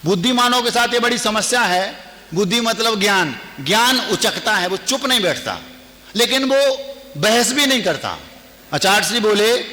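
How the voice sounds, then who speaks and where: A man, a Jain monk, giving a lively, humorous sermon and acting out little household dialogues. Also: high voice, in a large hall.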